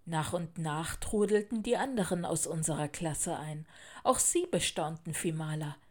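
A woman narrating a children's storybook in a clear, even storytelling manner. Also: sits low, moderate pace.

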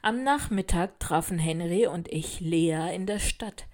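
A woman narrating a children's storybook in a clear, even storytelling manner. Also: lowish voice, measured pace.

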